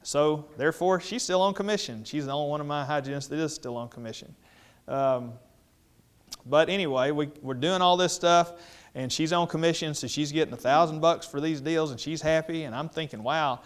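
A middle-aged dentist, telling a humorous story to an audience of dental professionals. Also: male voice, fairly high pitch, fairly quick, clear, resonant tone. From Mississippi. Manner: self-deprecating, animated, mimics other voices in quotes.

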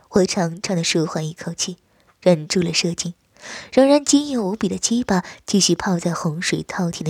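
A woman narrating an audio story in a soft, hushed, breathy voice. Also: lowish voice, dry recording, clean studio sound.

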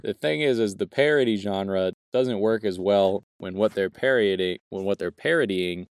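A man's voice: fairly low pitch, normal speed, smooth, no echo, clean studio sound. A young man co-hosting a casual film review podcast, rambling and joking, often correcting himself mid-sentence. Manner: rambling, jokey, self-correcting. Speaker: podcast co-host.

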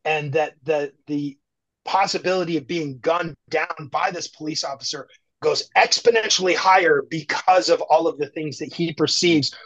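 A man's voice: a little high, fairly bright tone, dry recording, low-quality recording. A man speaking earnestly and reflectively as a guest in a conversational podcast interview, from the United States. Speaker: guest artist.

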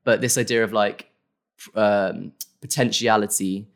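A man's voice: on the low side, steady tone, measured pace. A young man talking casually as an interview guest, rambling with lots of fillers and restarts. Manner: rambling, many fillers and self-corrections. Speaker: guest creator.

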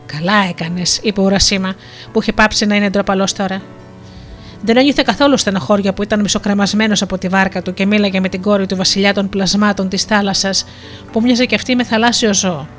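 A woman reads a fairy tale aloud in a calm, measured storybook voice at a middle pitch. Faint music runs quietly behind her. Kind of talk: storybook narration.

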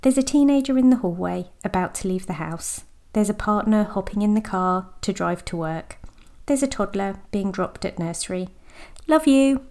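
A woman who hosts a podcast as a sobriety coach, speaking in a gentle, deliberate, reflective monologue with slow emphatic words. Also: mid-range voice.

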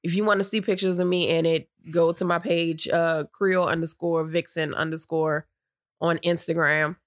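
Speaking at a fairly low pitch and normal speed, this podcast co-host is captured in clean studio sound with no echo. Her nose is stuffy as she rambles through a story in a casual chat, pausing to catch her breath. The delivery is chatty and low-key about anything exciting, full of false starts.

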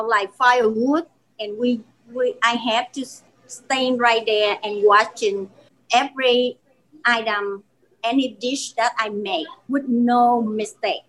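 A restaurant owner in her forties speaks English with a Vietnamese accent, her first language being Vietnamese. Her voice sits a bit high, and she tells her story earnestly, stumbling and restarting as she goes. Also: fairly bright tone, low-quality recording. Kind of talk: podcast interview.

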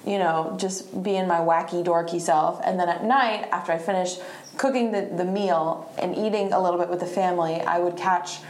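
A woman's voice: fairly low pitch, fairly even intonation, moderate pace. A woman of around thirty, originally from Argentina, telling her story as a podcast guest in a chatty, loose way, peppered with "like" and casual swearing. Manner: chatty, lots of "like", swears freely. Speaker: guest musician. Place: live podcast taping in a downtown bar venue. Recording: roomy live venue sound.

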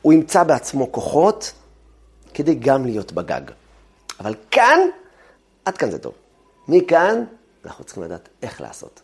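A man's voice: medium pitch, long pauses. A man giving a talk on the weekly Torah portion, telling family stories and acting out their quotes. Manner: animated storytelling with acted-out quotes. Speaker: religious teacher.

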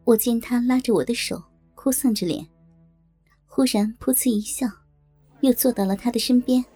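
A woman telling a story in the first person, in a colloquial, brisk storytelling manner. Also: a little high, dark tone, soft background music. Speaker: narrator.

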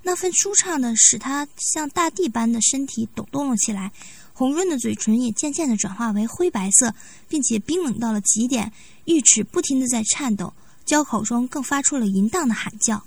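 A woman narrating a story in a steady, even reading voice. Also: a little high, moderate pace, vocal fry. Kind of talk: scripted audiobook narration.

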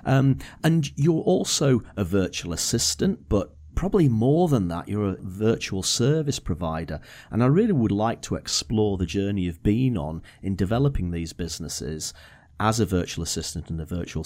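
A man presents a podcast with a very lively, swooping intonation. His pitch sits a little low, and he speaks as a host introducing and questioning a guest. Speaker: podcast host, marketing consultant. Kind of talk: scripted introduction and interview hosting.

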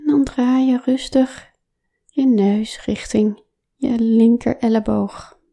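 A woman guiding a slow body-awareness exercise, speaking softly and calmly, often in a whisper. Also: fairly high pitch, creaky. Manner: soft, calm, often whispering. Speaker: relaxation guide.

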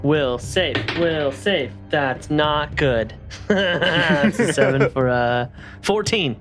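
Higher-voiced man at a game table. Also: takes it slowly, fairly bright tone, faint music behind. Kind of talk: casual game-table chat.

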